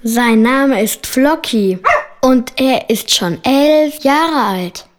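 A woman voicing a polite child walking a dog in a textbook listening dialogue, slow and clear. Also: sits high, lively intonation, full character voice.

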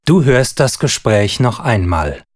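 A man narrating a language-course listening test, deliberate and clear. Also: mid-range voice, very animated. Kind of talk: instructional narration.

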